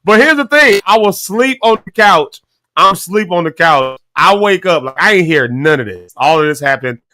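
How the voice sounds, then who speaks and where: A man's voice: high voice, moderate pace, dry recording. A man hosting a morning talk show, telling home stories in casual banter and acting out the quotes. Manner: animated storyteller, acts out quotes.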